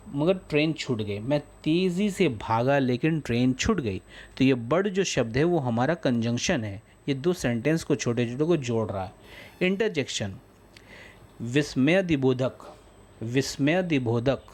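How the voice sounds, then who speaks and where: A man gives a grammar lesson at a deliberately slow pace, and his pitch sits in an ordinary middle range. He reads the English definitions out carefully and then explains each one patiently in Hindi, the way a teacher does for beginners. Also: a little mellow.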